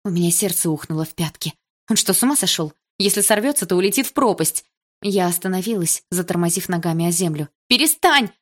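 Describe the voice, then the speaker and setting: Woman narrating a novel, slightly low voice, pretty emotional. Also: quick pace. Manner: expressive, emotional reading. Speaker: audiobook reader. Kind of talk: scripted first-person novel narration.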